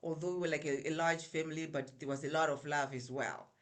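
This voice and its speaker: Zimbabwean woman chatting warmly. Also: low voice, steady tone, quick pace. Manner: chatty, with many fillers and restarts. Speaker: guest. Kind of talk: casual interview.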